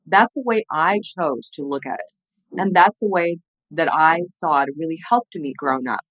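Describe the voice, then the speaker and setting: A Chinese woman in her thirties, an entrepreneur and former TV journalist, is a guest in a casual interview over video call from a room at home, speaking with a Chinese accent. Earnest and reflective, she often restarts sentences; her voice is low-pitched and a bit bright at a moderate pace. The webcam sits at desk distance, with no echo but low-quality audio.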